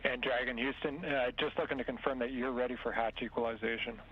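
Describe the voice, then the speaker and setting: A man at mission control reads out calm, clipped radio calls. His voice comes through a crackly, muffled space radio link with a faint hiss underneath. He keeps a measured, procedural tone. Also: medium pitch. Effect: crackly space-to-ground radio.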